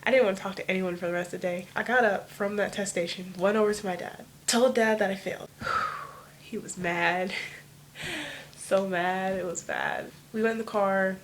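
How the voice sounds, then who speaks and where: A woman's voice: mid-range voice, steady tone, normal speed, a little hiss or hum. Rambling teenage girl telling a story. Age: teens. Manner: rambling, filler-heavy with "like". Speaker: vlogger. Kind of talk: casual storytelling. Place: home room.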